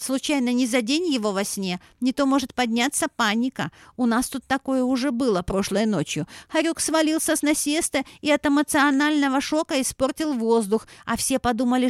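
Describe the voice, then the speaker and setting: A fussy old hen innkeeper clucks and grumbles in a high, shrill voice, as a woman reader puts her on. The sound is dry and close, with no room in it. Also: no room sound, close to an everyday voice. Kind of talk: storybook reading.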